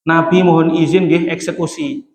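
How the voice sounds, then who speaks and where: A man's voice: a little high, moderate pace. A middle-aged man giving a conversational sermon, telling stories and acting out dialogue with chuckles. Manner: animated, acts out dialogue, chuckles at own jokes. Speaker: Islamic preacher. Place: large mosque hall. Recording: echoey mosque hall with long reverb.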